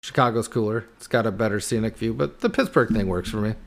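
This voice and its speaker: A man's voice: lowish voice, fast, vocal fry. A man in casual movie chat as a podcast co-host, rambling and tossing out questions.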